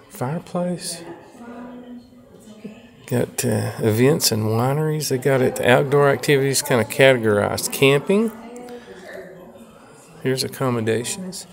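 A man's voice: medium pitch, creaky. A man from East Tennessee chatting casually to viewers as he films a road trip in an RV. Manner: easygoing, chatty, talks to viewers. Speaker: travel vlogger. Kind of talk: casual travel vlog narration. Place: RV and road stops, with music and vehicle noise behind.

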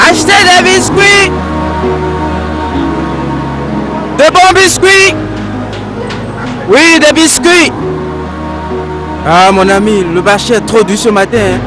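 An actor playing a poor young street vendor selling biscuits, begging and then cursing a customer. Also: male voice, very high voice. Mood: hawking, weary. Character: poor male street biscuit seller, pleading then furious.

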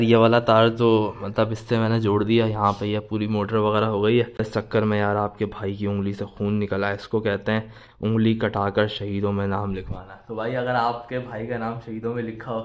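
Soft music plays behind a fairly low, level-toned, brisk male voice. He's a thirty-something Pakistani vlogger working on a water pump in his home's rooms and utility corner, chatting casually to viewers as brothers, with a phone camera held at arm's length.

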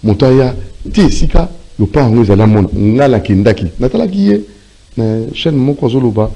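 A man's voice: lowish voice, creaky, warm tone, breathy edge, poor audio. A man, hosting an interview and speaking hesitantly with many fillers. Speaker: interview host.

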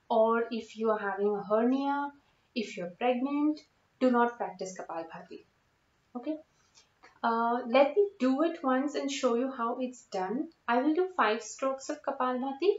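High-voiced young woman instructor in echoey room. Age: young adult. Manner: methodical, explanatory, repeats key cautions. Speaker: yoga breathing instructor. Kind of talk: spoken instructional demonstration. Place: indoor room at home, seated on floor. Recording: echoey room, slightly dull sound.

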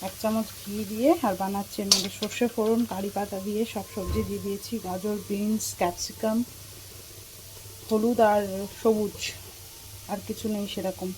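A woman's voice: medium pitch, flat delivery, moderate pace, a little mellow. A woman vlogger and mother giving a casual running commentary to her viewers as she shops and does her chores at home, filming herself on a phone she holds in her hand. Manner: chatty, talks while doing chores. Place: market outdoors, then at home. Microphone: phone held in hand. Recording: noisy phone recording.

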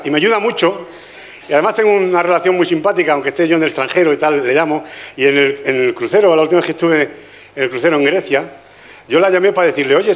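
An older man from Spain with a Spanish accent, doing a chatty stand-up comedy routine at a gala and teasing the audience. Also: medium pitch. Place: live stage with audience.

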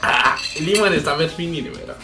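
A man's voice: a little high, expressive, moderate pace. A man in his twenties chatting casually and dramatically as co-host of a video in a small home room. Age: 20s. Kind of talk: casual chat, reaction challenge. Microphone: desk webcam distance. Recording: roomy sound with music behind.

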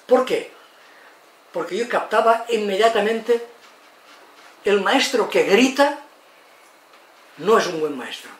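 A man's voice: sits high, slow, pauses often. Older man lecturing, distant and roomy. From Spain. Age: 80s. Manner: expressive, tag questions, acts out quotes. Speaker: lecturer on psychology and education. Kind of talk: lively lecture talk. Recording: roomy, distant mic, faint noise.

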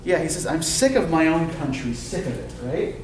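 A middle-aged university literature lecturer speaks in a high, sing-song, slightly mellow voice at a moderate pace, often checking with "right?" in a questioning manner. He talks through a face mask, picked up by a distant camera mic in a very reverberant indoor classroom with faint noise.

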